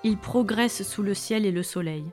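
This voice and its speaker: A woman reading a children's story aloud in a lively, expressive way. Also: mid-range voice, normal speed, faint music behind.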